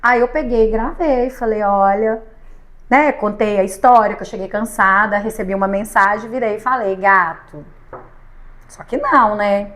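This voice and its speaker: A woman's voice: medium pitch, moderate pace, a bit bright. A woman with a Brazilian Portuguese accent, a podcast guest animatedly telling a story with laughter, acting out the lines of the people in it. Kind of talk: casual storytelling chat. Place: podcast studio.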